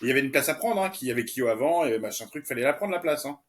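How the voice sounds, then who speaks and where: A man's voice: mid-range voice, animated, quick pace. A man co-hosting a casual music podcast, blunt and mocking, often laughing. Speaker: podcast co-host. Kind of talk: casual music review chat.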